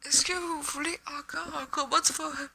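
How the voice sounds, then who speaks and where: High, bright Québécoise gamer woman. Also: fairly even intonation, moderate pace, gravelly, a little hiss or hum. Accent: Québécois French. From Quebec. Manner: chatty, joking, swears when she misses. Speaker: gaming YouTuber. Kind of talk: casual gameplay commentary.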